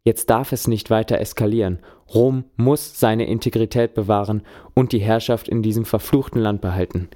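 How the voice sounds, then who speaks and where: Low, mellow male storyteller. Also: fairly even intonation, normal speed, hardly any pauses, no echo, studio quality. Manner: wry, colloquial, shouts in quoted lines. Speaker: narrator. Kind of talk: dramatized first-person storytelling.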